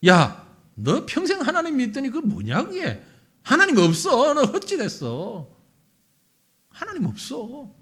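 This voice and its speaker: A man's voice: very high voice, huge pitch swings, measured pace, fairly bright tone, breathy edge, voice pushed up, full character voice. A man putting on a jeering, mocking unbeliever. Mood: taunting. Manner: jeering, scornful taunts. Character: mocking male unbeliever taunting a believer.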